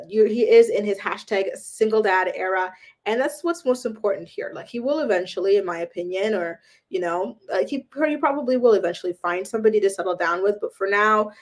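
A woman hosting a celebrity gossip channel, talking casually and with opinions, often using "um" and "like". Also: medium pitch. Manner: chatty and opinionated, frequent "um" and "like".

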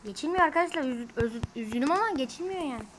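A woman's voice: high voice, lively intonation, quick pace, a little hiss or hum, low-quality recording. A woman giving casual gameplay commentary to her viewers, easily frustrated, grumbling and exclaiming as she plays. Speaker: gamer.

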